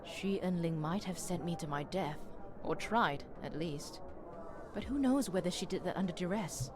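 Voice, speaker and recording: An actress playing a cool, world-weary noir private detective in a video game, speaking tersely over music. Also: female voice, fairly low pitch, expressive, normal speed, lightly acted. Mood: grimly determined. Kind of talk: scripted video game voice acting.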